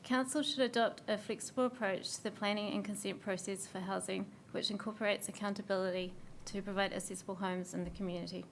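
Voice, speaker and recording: A New woman with a hoarse, fading voice reads a formal submission at a council hearing, steady and measured with small slips. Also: mid-range voice, slight background noise. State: hoarse, losing her voice.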